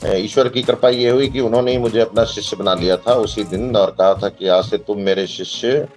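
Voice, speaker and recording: A man's voice: on the low side, fairly even intonation, normal speed, a little mellow, soft background music. A man interviewed as a guest on a podcast, explaining devotional practice with frequent hesitations and reciting Sanskrit verses fluently. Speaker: guest, astrologer and tantra practitioner.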